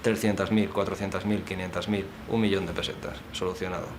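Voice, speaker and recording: A man's voice: sits low, level tone, a little fast. A man speaking in a blunt, matter-of-fact way, ticking off points one by one. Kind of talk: interview statement.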